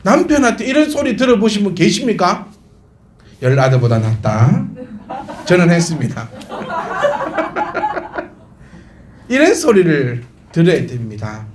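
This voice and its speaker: A man's voice: sits high, wildly swooping pitch, unhurried, pauses often, a little hiss or hum. A male pastor preaching a sermon to his congregation, emphatic and full of rhetorical questions. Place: church sanctuary. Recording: roomy church hall echo.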